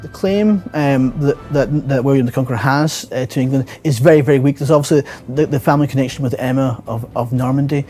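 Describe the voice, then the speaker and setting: A man giving unscripted expert commentary in a documentary interview, with halting, hesitant phrasing. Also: medium pitch, dark tone, soft background music.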